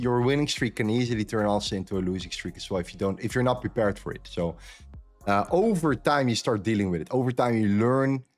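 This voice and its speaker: A man from the Netherlands, chatting candidly on a trading live stream and repeating phrases for emphasis. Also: mid-range voice. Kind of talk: casual chat on a live stream.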